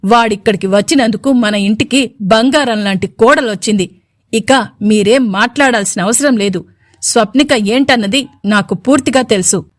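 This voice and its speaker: A man's voice: high-pitched, normal speed, no echo, studio quality, natural voice. A woman voicing an elderly grandfather in a storybook, speaking in a trembling, emotional way. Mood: stern. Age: older. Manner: trembling, tearful pleading.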